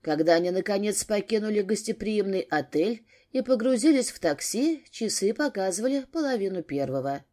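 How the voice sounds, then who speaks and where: Expressive woman reading a novel. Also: mid-range voice, brisk, few pauses. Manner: expressive storytelling. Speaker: narrator. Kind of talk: audiobook narration.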